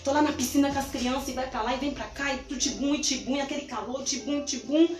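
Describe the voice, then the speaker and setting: A woman telling a church testimony in an animated, emphatic way, acting out the lines she quotes. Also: sits high, quick pace, roomy sound, far from the mic. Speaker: guest giving a testimony.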